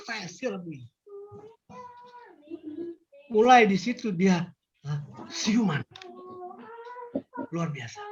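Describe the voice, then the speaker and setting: An older man, a grandfather giving an emphatic, animated testimony to an audience. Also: very high-pitched. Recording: dull lo-fi recording.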